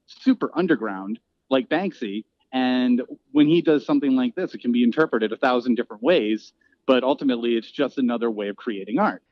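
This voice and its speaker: A man's voice: medium pitch, no echo. Male podcast co-host, thoughtful and searching, slightly muffled, dry close mic. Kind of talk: casual podcast chat.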